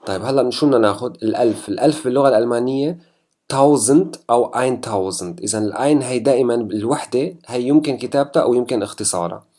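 Man, Levantine Arabic accent, language teacher, patient explanations, warm low tone, quick delivery. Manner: patient, spells out numbers slowly piece by piece. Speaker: German teacher. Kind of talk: online language lesson.

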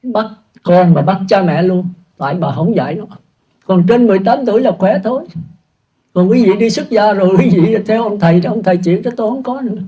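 An older Buddhist monk teaches in a loose, chatty way, poking fun at himself. His voice sits high and sounds husky and mellow. The recording is dull and lo-fi. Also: a little fast. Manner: chatty, self-mocking, laughs at his own jokes. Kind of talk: casual dharma talk.

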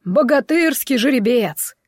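A woman voicing a blunt, clever male warhorse with gruff, folksy old-fashioned speech, in an audiobook. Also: high voice, expressive, a little slow, no room sound, clean studio sound, voice pushed up. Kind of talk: audiobook character voice.

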